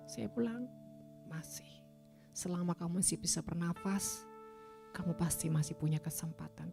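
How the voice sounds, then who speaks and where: A woman evangelist preaching a sermon, moving between hushed, whispered storytelling and loud, emphatic exhortation. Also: lowish voice, creaky.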